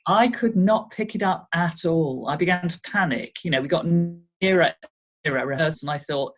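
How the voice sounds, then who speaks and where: A woman's voice: on the low side, moderate pace. Older woman telling theatre stories. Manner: reflective storytelling, light laughs. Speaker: guest. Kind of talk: casual interview.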